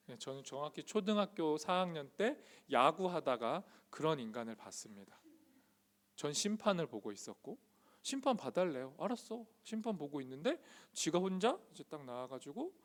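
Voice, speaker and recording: A male youth pastor delivers a sermon in a fairly high voice. His pitch swings widely as he fires rhetorical questions at the congregation and drives each point home with emphasis. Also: very animated, normal speed.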